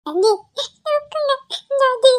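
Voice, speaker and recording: A woman's voice: very high-pitched, lively intonation, slow, full character voice. A woman voicing a small boy who tearfully pleads for his daddy in a cartoon. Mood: tearful pleading. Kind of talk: cartoon voice acting.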